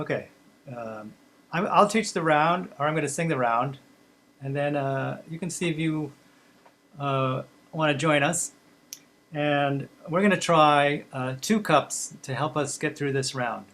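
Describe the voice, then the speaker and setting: A Boston man with a Boston accent leads a family folk music workshop over a video call, chatting casually, laughing easily, and using lots of fillers. His voice is on the high side and fairly bright, with an unhurried pace and frequent pauses.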